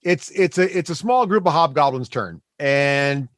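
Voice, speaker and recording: A man running a tabletop game, narrating casually and haltingly as he thinks aloud as game master. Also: on the high side, lively intonation, fairly bright tone, dry recording, clean studio sound.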